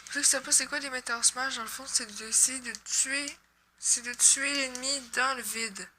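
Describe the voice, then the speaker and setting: A woman's voice: high voice, fairly even intonation, moderate pace, noisy background. A young woman with a Québécois accent from Quebec, chatting and joking casually over her gameplay, swearing when she misses. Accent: Québécois French. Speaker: gaming YouTuber.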